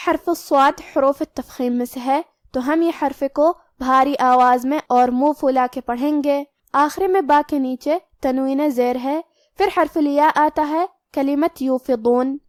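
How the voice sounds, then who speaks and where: A woman teaching the rules of Quran recitation, explaining each rule step by step and then reciting the word slowly. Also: high-pitched, no room sound, clean studio sound. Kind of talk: tajweed lesson, explaining letter rules.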